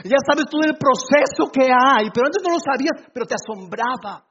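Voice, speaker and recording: Male pastor, high voice, conversational sermon with jokes, slightly muffled church recording. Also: lively intonation, moderate pace, fairly bright tone, a little hiss or hum. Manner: conversational, asks the congregation questions, playful humor. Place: church before a congregation.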